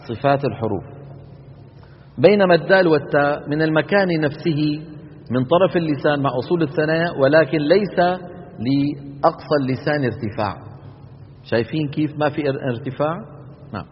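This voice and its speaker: In a classroom lecture on articulation, a man teaches Quran recitation, modeling letter sounds and having students repeat them. His voice is on the high side and fairly quick, broken by long pauses. The recording is dull, with long hall reverb and slight background noise.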